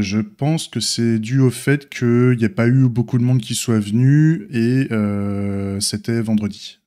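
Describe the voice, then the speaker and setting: A man's voice: on the low side, mellow. A man with a slight lisp and slushy s sounds, giving a casual unscripted stream update in an informal, hesitant, thinking-aloud way. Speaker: streamer and software developer.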